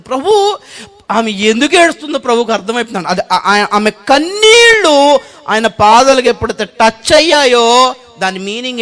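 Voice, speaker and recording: Impassioned high-voiced male preacher. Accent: Telugu. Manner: emotional preaching, swinging between loud cries and hushed pleading. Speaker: pastor. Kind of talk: sermon.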